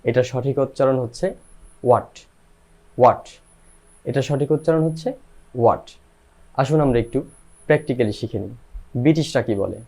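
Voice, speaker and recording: Male language teacher, mid-pitched voice, patient repetitive drilling of each word. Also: fast, warm tone. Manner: repeats and drills each word, spells letters out. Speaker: English teacher. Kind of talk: pronunciation lesson.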